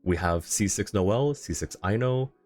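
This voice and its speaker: On a game livestream, a man with a fairly low, slightly mellow and expressive voice chats casually at a slightly slow pace. He thinks aloud and rambles while reading chat, with video game music playing behind him.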